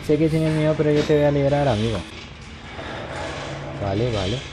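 A man's voice: fairly high pitch, a little fast. A man doing let's play commentary on a horror game, joking and talking back to the characters on screen. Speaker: gameplay commentator.

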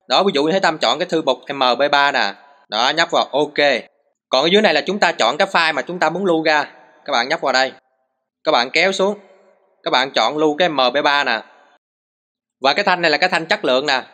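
A man's voice: a little high, pushed and bright. A man walks through a phone recording tutorial step by step, patient and full of short repeated cues.

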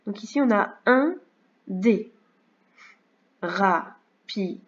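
Woman teacher doing a remote lesson for little kids, patient n clear, kinda dull computer mic sound. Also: mid-range voice, animated. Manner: patient, slow and clear, checks in with "d'accord?". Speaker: first-grade teacher. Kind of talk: remote lesson narration over slides.

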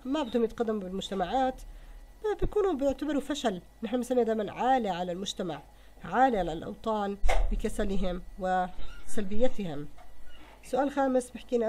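A woman's voice: medium pitch, dark tone, slight background noise. A woman teacher explaining a poem, mixing formal with everyday speech. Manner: mixes formal Arabic with colloquial explanation. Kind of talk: explaining a poem in an Arabic lesson.

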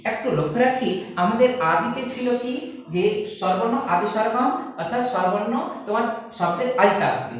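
A man's voice: sits high, lo-fi sound. A male teacher giving an online lesson at a board, explaining step by step and asking rhetorical questions. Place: classroom with a board. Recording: echoey room, far from the mic.

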